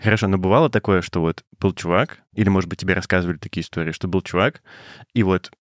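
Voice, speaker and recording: A man's voice: sits low, fast, no room sound, studio quality. A man chatting casually as a podcast guest, with a speech impediment that keeps him from rolling his r's. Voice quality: soft, non-rolled r (speech impediment on r).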